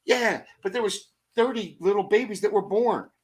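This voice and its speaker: A middle-aged man on a motivational podcast, telling energetic stories full of rhetorical questions and acted-out asides. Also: sits high, moderate pace. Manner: acts out his own thoughts in quoted asides. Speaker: podcast guest.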